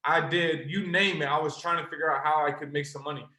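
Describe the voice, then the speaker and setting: A young man pitching to a webinar audience with earnest passion, addressing his listeners directly. His voice sits a little high and sounds bright and forceful. The audio carries a roomy echo. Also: steady tone, quick pace. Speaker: trading mentor presenting to a live call. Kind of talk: motivational sales pitch on a webinar.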